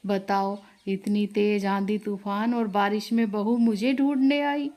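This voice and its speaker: A woman voicing a gentle, remorseful elderly mother-in-law in a storybook tale, speaking softly and lower than her narrating voice. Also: fairly even intonation, measured pace, lightly acted.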